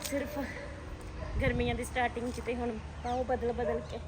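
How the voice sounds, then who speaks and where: A woman's voice: a little high, little pitch movement, moderate pace. A woman vlogger chatting casually about everyday things at home. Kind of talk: casual chat. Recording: noisy home recording outdoors.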